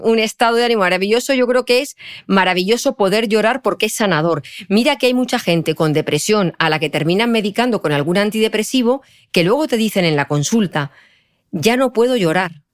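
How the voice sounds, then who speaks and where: Psychologist woman explaining warmly. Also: mid-range voice. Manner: explanatory, expressive, checks in with "vale". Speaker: psychologist guest. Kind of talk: podcast interview conversation.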